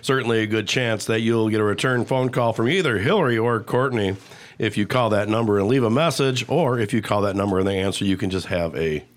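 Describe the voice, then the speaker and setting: A man's voice: on the low side, brisk. A man hosting a radio show in the studio, chatting casually and joking with guests.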